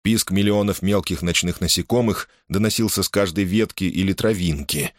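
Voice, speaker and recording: A man narrating a science fiction audiobook in a measured, even reading style. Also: low-pitched, no echo, studio quality. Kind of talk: scripted narration.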